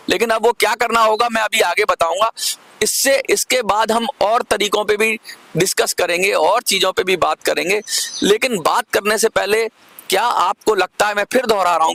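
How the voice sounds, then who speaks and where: A man's voice: high voice, gravelly, bright, forceful tone, no echo. A man speaking straight to his viewers about a pension scheme, arguing point by point and asking rhetorical questions. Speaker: commentator on pension issues. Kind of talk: monologue addressing viewers.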